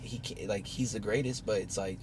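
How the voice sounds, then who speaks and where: A man's voice: fairly low pitch, moderate pace, background noise. A man chatting casually and emphatically as a podcast guest, swearing often and calling people bro. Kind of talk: casual chat.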